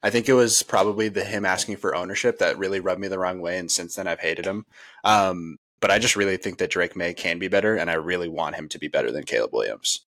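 A man's voice: sits low, fast talker, fairly bright tone. A man co-hosting a sports podcast, joking and opinionated in casual chat. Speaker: podcast co-host.

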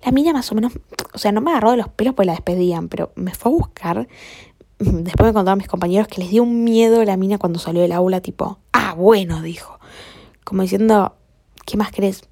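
A woman's voice: mid-range voice, quick pace, mellow, no echo, clean studio sound. A young woman with an Argentine accent tells a story in a casual, chatty way. She swears a lot, uses plenty of slang and often drops to a whisper. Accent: Argentine Spanish.

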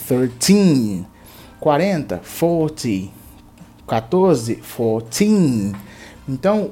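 A man teaching English in a patient, step-by-step language lesson, repeating words slowly for practice. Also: mid-range voice, mellow, slightly rough.

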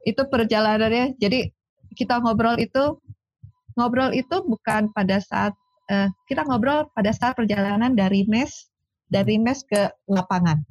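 Woman, sports psychologist, lively storyteller, breathy, dull recording. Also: a little high, moderate pace, no room sound. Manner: animated storyteller, acts out quoted dialogue. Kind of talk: casual interview chat.

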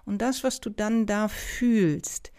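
A woman therapist speaking gently, with many pauses and restarts, asking the listener reflective questions. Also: mid-range voice. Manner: addresses listener directly with questions. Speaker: somatic experiencing therapist. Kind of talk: reflective coaching talk.

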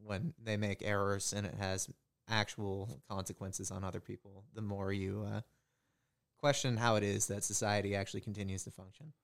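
A man in his thirties talking casually as a podcast guest, laid-back with deadpan humor. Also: on the low side, moderate pace, gravelly. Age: 30s. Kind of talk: casual chat.

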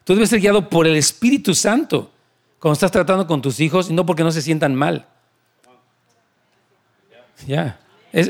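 A man preaching a sermon, telling stories conversationally and repeating key phrases for emphasis. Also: a little high.

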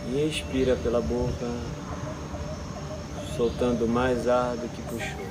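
Calm Brazilian man guiding meditation over prominent music. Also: medium pitch, slow pace. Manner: calm, soothing delivery with short, spaced-out instructions. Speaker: guided meditation instructor. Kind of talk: guided relaxation meditation. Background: music behind the voice.

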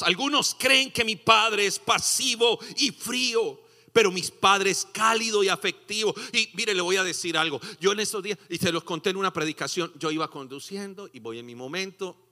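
A male pastor preaching a sermon, swinging from loud sung exclamations to hushed asides and acting out quotes. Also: a little high. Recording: long hall reverb.

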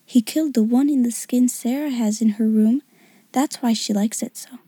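A woman reading a story, voicing an honest, plain-spoken young schoolgirl in a soft, hushed way. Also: on the high side, moderate pace, breathy edge, no echo. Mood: slow, earnest. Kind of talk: audiobook character reading.

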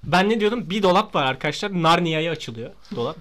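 A man's voice: a little high, lively intonation, fairly quick, a bit bright. A young man co-hosting a casual podcast, rambling with wry, joking remarks. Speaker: podcast co-host. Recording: audible background noise.

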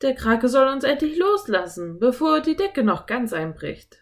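A woman's voice: mid-range voice, animated, a little slow. A woman reading a children's audiobook, voicing a nervous, bookish young boy who groans and grumbles with exasperation. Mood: anxious boy.

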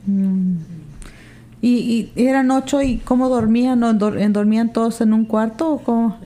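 A young woman gently interviewing her mother about family life. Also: on the high side, steady tone, normal speed. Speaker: interviewer, daughter.

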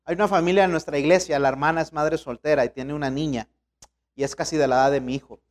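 A man's voice: on the high side, steady tone, fast. A man, a pastor preaching a sermon in a colloquial, storytelling way.

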